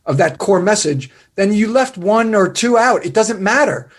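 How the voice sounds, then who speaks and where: Husky high-voiced male host. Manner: animated, mocking impressions, quick asides. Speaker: radio show host. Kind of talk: casual interview conversation.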